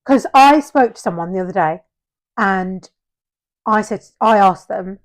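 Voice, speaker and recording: Woman, co-host, mid pitch, earnest and explanatory. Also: animated, measured pace. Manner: earnest and explanatory, speaks in long run-on points. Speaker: podcast co-host. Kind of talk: casual chat.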